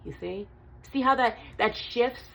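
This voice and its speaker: Speaking a little high and unhurried, with vocal fry and a fairly bright tone, a woman tarot reader shares a channeled message. This spiritual vlog monologue is earnest and emphatic; she repeats her points and swears casually.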